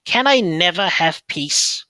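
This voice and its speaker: Man voicing a loud, fussy pixie-like little creature. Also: high voice, expressive, slow pace, no room sound, voice pushed up, exaggerated voice. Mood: grumbling, aggrieved. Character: fussy, greedy little male mud creature. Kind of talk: tabletop role-play character voice.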